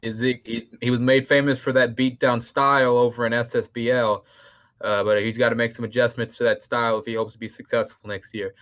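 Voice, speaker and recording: A man doing excitable, rambling play-by-play commentary on a fan-league boxing match. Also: medium pitch, brisk. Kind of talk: esports-style match commentary.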